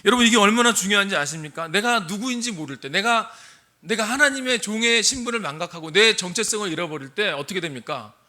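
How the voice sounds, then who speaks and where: A man's voice: sits high, animated, fast talker, sharp tone. An older man, a missionary pastor, preaching a sermon and asking his congregation questions. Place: church sanctuary.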